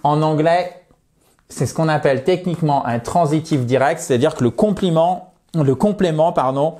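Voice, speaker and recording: A man teaching English in a video lesson, saying English phrases slowly and clearly and explaining their pronunciation. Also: on the high side, mellow.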